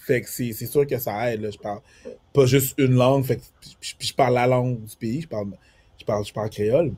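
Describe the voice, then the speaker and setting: Husky Quebec man, chatty and animated. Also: medium pitch, fast. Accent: Quebec French with Haitian Creole touches. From Quebec, Montreal area. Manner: repeats words and restarts often, animated; switches into English accents when telling stories. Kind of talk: casual conversation.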